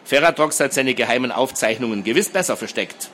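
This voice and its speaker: A man reading a fantasy story and voicing a thoughtful teenage boy who talks in a measured, quiet way. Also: mid-range voice, expressive, a little hiss or hum, natural voice.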